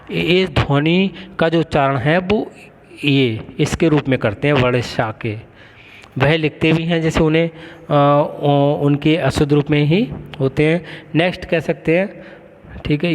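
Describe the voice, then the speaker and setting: A man teaching a college class, explaining step by step and often pausing to check the class is following. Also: medium pitch. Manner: explains with frequent checks of "ठीक है". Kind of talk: classroom lecture. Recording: long hall reverb.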